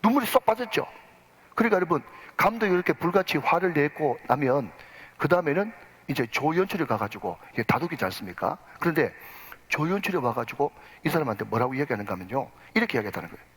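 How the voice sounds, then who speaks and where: A man's voice: on the high side, very animated, fast talker, a bit bright, husky. A male pastor preaching a sermon, emphatic, addressing the congregation and leading them in responses. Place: church sanctuary. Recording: long church reverb.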